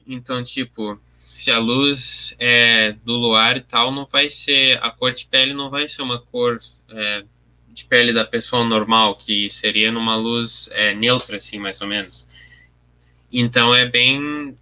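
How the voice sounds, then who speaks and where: A young man talks through his coloring work on a livestream. His voice sits at an ordinary middle pitch but sounds very bright and forward. He thinks aloud as he goes, explains each step to his chat and answers viewer comments in a loose, casual way. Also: fairly even intonation, a little slow. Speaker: artist streaming his work.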